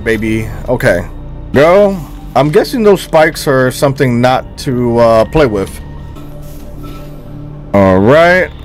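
An excitable man talking through a horror game for his viewers, with a voice of middling pitch. He exclaims often and talks straight to the audience. Faint game music runs behind him. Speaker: gaming streamer. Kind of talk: casual let's-play commentary.

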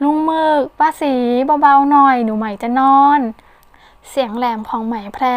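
A woman with a high voice reads a novel aloud. Her narration is expressive and keeps the story moving. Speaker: audiobook narrator.

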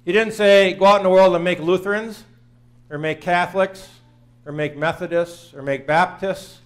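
A man's voice: high voice, steady tone, moderate pace. A man in his fifties preaching a sermon in a small church, earnest and plain-spoken, repeating phrases for emphasis. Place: small church sanctuary, in front of the altar.

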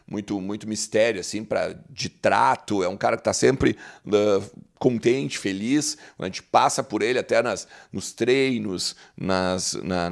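A man chats about his football club straight to the camera. His mid-pitched voice has a gravelly, creaky edge, and he keeps tagging lines with quick asides to the viewer. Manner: chatty, tags sentences with "né?" and "ó". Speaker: football channel host. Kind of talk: casual football commentary to camera.

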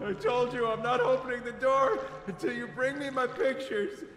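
A man's voice: extremely high pitch, fairly even intonation, a little slow, a bit bright, slight background noise. A man voicing a suspicious, reclusive man behind a locked door in a video game, talking warily and demanding. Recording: faint game audio with music.

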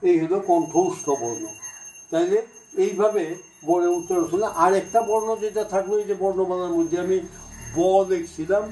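A man's voice: high voice, a little fast, darkish tone, slight background noise. A man with a Bangladeshi Bengali accent teaching a grammar class, explaining patiently and repeating each vowel sound aloud to demonstrate it. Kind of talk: classroom lecture. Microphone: phone camera from across the room. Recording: echoey room, voice from far off.

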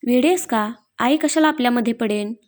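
A woman's voice: a little high, a little fast, lightly acted. A woman voicing a playful, teasing young husband who is a police officer, in a read-aloud story. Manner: teasing, affectionate.

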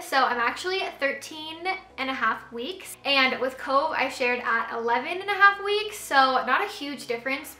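A woman's voice: high voice, sharp tone, reverberant. A young woman telling a casual story-time vlog, chatty, with lots of "like" fillers, a little out of breath. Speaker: vlogger.

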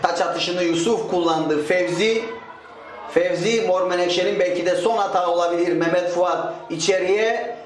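A man's voice: high voice, moderate pace. A man commentating live on a football match, calling the play as it unfolds. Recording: very echoey, noisy match recording.

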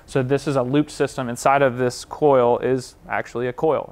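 Standing in a big concrete-block warehouse workshop, an HVAC company representative shows how a home heating and cooling system works, gesturing at the equipment. His mid-range voice has vocal fry, and his explanation is plain and practical.

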